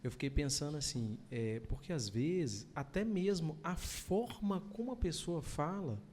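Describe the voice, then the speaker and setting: A man's voice: fairly high pitch, unhurried, a little mellow, slight background noise. Reflective man hosting, roomy reverb. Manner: reflective, full of "né" tags. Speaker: podcast host. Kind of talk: casual podcast conversation.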